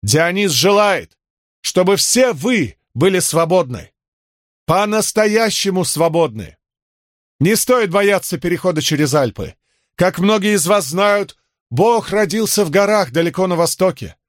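A man's voice: high voice, expressive, measured pace, no echo, voice pushed up. A commanding priestess from a storybook, declaiming in a raised, lofty voice. Every phrase is drawn out and exalted. A man acts her out in a dry, close recording. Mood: exalted proclaiming. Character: commanding female priestess, fervent prophetess.

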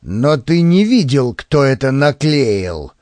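A man voicing a gruff, bullying male policeman who interrogates a crowd. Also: mid-range voice, big pitch swings, a little mellow, dry recording. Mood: interrogating. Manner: menacing, slow and commanding.

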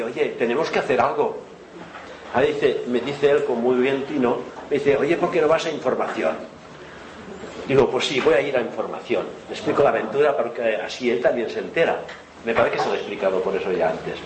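Man, middle pitch, laughing anecdote to a crowd, roomy hall with background noise. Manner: chatty anecdote-telling, often laughing. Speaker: event organizer. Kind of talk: storytelling to an audience. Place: lecture hall with audience.

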